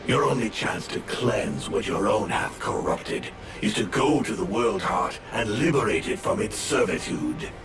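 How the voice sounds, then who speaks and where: A demon has taken possession of a body and speaks through it. The voice is low and drags slowly in heavy echo, menacing and grandly archaic, like a game villain. Music plays under it. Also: male voice, animated. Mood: scornful. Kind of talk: video game voice acting. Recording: echoing game audio under loud music.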